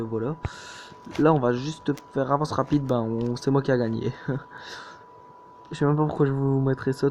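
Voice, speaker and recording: A young man chatting loosely over his game, stumbling and restarting his sentences. His voice sits at an ordinary middle pitch. It comes through a dull, low-fidelity mic with a faint hiss behind it. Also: darkish tone. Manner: hesitant, full of fillers and restarts. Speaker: gaming YouTuber. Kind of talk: casual gameplay commentary.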